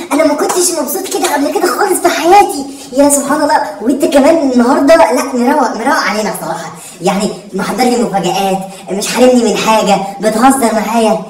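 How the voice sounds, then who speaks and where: Brief: woman doing a cheeky, greedy Egyptian son, high, very fast wheedling, roomy and off-mic. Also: darkish tone, distant mic, natural voice. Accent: Egyptian Arabic. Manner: wheedling, pleading, rapid-fire repetition. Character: greedy cheeky young son begging for treats. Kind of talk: home comedy sketch. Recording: echoey room, voice off-mic.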